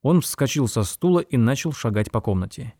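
A male audiobook narrator with a dark, mellow voice, reading in a measured, even way. The recording is dry and close, with no room sound. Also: medium pitch, no echo. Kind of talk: scripted narration.

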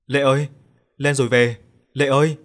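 A man's voice: mid-range voice, a little fast, close to an everyday voice. Man voicing a protective young boy. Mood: panicked.

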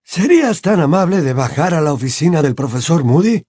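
A man reading an audiobook who voices an elderly, wise wizard headmaster, speaking in a measured, grave, commanding way with a husky tone. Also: fairly high pitch, very animated, mellow, dry recording, studio quality, pitched above the performer's own voice. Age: over 60. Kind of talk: audiobook character voice.

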